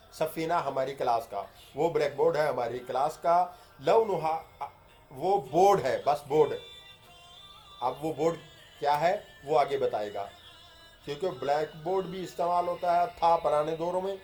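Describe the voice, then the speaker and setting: A man's voice: on the high side, a little mellow. A man teaching an Arabic grammar lesson, reading each phrase aloud and then explaining and repeating it. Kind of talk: lesson explaining a text line by line.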